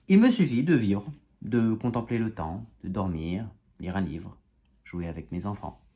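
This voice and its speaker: A man's voice: lowish voice, expressive, a little slow, warm tone. A man at home reading his own humorous poem, with self-mocking asides between the verses. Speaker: amateur poet reciting his own poem. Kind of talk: casual home video poetry reading. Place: at home, indoors.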